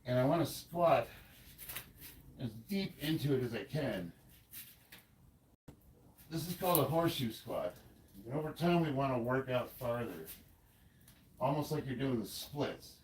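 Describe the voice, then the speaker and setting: In this casual training vlog, a stuffed-up, breathless American man in his fifties coaches a powerlifting session, rambling and leaving sentences unfinished. His medium-pitched voice is darkish, with lively intonation, an unhurried pace and long pauses. The audio is poor, with a slight hiss or hum.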